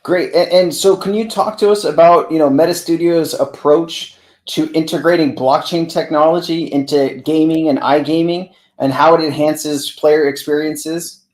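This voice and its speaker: A man's voice: a little high, fairly even intonation, normal speed, a little mellow. A man hosting a crypto livestream interview in an informal, stammering tech bro manner. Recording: echoey, roomy sound.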